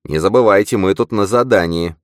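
A man's voice: on the low side, fairly quick, dry recording, studio quality, pitched above the performer's own voice, natural voice. A man reading an audiobook voices a treacherous male spy who hisses cold, mocking threats. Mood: hushed. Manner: hissing, menacing threats.

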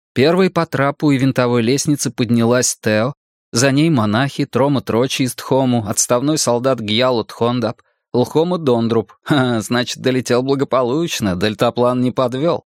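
A man's voice: medium pitch, moderate pace, no echo, clean studio sound. A man reading dramatic first-person audiobook narration.

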